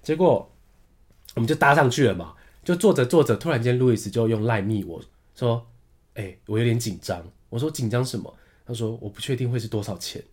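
A young man with a Taiwanese Mandarin accent, co-hosting a podcast and telling a story in a relaxed chat, acting out the lines of the people in it. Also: a little fast. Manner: animated storytelling, acts out quotes with big pitch jumps. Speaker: podcast co-host.

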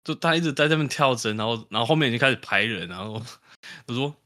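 A young man with a Taiwanese Mandarin accent, telling stories as a podcast co-host in an animated way, often laughing. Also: medium pitch, very fast. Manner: animated retelling, acts out quotes, frequent laughs. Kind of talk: casual chat, storytelling.

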